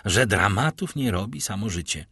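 A man's voice: fairly low pitch, lively intonation, moderate pace, pushed and bright, breathy edge, no echo, studio quality, full character voice. A man reading an audiobook, voicing a worldly male onlooker making wry remarks.

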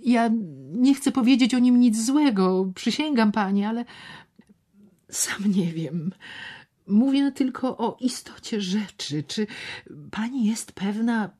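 A smooth, insinuating gambler who coaxes and half-whispers his offers, delivered slowly and deliberately, as a woman reads his part in an audiobook. His voice stays low in volume, slipping into breathy whispers as he presses his point. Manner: hushed, persuasive, often dropping to whispers. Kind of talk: audiobook character reading.

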